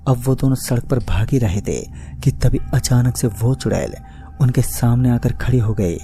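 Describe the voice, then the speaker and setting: A man's voice: on the low side, dark tone. A man narrating a scripted horror story as a storyteller. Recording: faint music bed under the voice. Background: faint background music.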